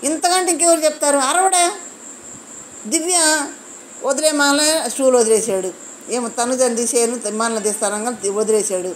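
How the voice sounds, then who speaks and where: A woman's voice: on the high side, normal speed, pauses often, slight background noise, poor audio. A woman reviewing a reality show, opinionated and indignant, firing off rhetorical questions.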